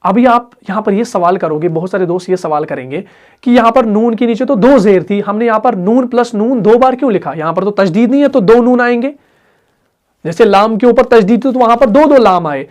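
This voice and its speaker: A man's voice: high voice, darkish tone. A man with a Pakistani Urdu accent teaching a Quran recitation class, explaining step by step and asking questions that he answers himself.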